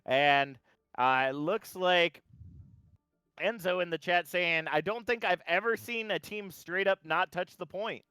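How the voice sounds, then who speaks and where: A man casting a live esports match, chatty and relaxed, with frequent fillers and restarts. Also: high-pitched, a little slow, clear, resonant tone, dry recording, poor audio. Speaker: esports caster. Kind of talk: live play-by-play commentary.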